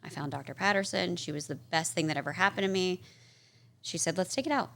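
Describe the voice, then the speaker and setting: A woman telling her story as a guest in a casual interview, chatty and full of "like" and "um", lively when she acts out what people said. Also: fairly low pitch, fairly quick, gravelly. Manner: chatty, peppered with "like" and "um"; animated, acts out quoted people. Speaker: podcast guest. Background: interviewer's short backchannels.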